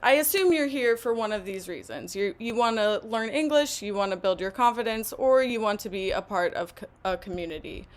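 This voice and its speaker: A woman hosting a live online English lesson, speaking slowly and deliberately to learners. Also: medium pitch, animated. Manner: slow, deliberate, encouraging speech.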